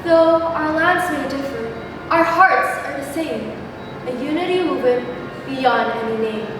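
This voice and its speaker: Casting: teenage female choral speaking group, reciting in unison, very high and slow, declamatory delivery. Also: over music. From Indonesia. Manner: theatrical, declamatory, emphatic. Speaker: school choral speaking team performers. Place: large echoey hall, recorded from far off. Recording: echoey hall, distant mic, background noise.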